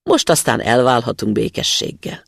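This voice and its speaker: Cheeky young student, sly and lively, gravelly edge, read by a man. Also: medium pitch, no room sound, clean studio sound, exaggerated voice. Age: young adult.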